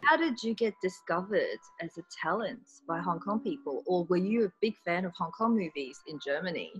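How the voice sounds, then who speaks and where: A woman's voice: lowish voice, animated, normal speed, slightly rough, highs cut off. A woman hosting a casual interview over a video call, asking curious, friendly questions. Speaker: interview host.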